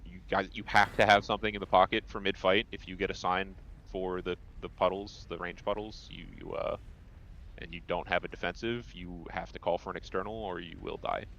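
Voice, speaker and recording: A man with a New Jersey accent leading a raid, calmly explaining strategy over voice chat. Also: low voice, brisk, vocal fry, slight background noise. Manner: calm, instructive, many fillers. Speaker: raid leader. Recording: dull lo-fi voice chat.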